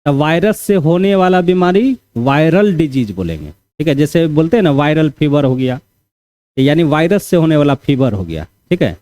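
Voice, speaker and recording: In a dry recording with no echo, a man with a slightly high, mellow, expressive voice leads an exam-prep class at a moderate pace. His teaching is conversational and repetitive, with frequent "theek hai" check-ins with his students.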